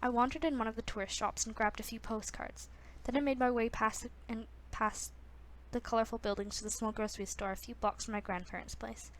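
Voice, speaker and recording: A woman's voice: a little high, fairly even intonation, a little fast, slight background noise. A woman casually reading a novel aloud, stumbling, restarting and breaking off with self-conscious asides. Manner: frequent restarts. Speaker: reader.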